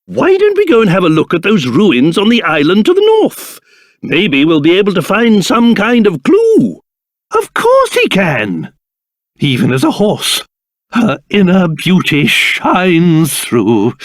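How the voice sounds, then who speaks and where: A pompous old video game king with a hugely animated delivery. He stretches his words slowly and theatrically, blustering like royalty one moment and doting like a fond father the next. The recording is close and dry. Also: sits high, no echo, full character voice. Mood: tender, doting.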